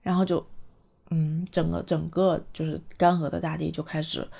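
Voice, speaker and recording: Woman, casual storyteller, chatty, animated, lowish voice. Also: normal speed, gravelly, breathy edge. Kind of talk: casual retelling of a cartoon.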